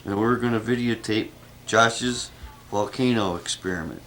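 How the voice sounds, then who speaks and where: A man's voice: on the low side, moderate pace, a bit bright, slight background noise. A father filming a home video with the camcorder, chatting with and coaching his children in a casual, coaxing way, heard through old camcorder audio. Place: family home, indoors. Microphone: camcorder microphone.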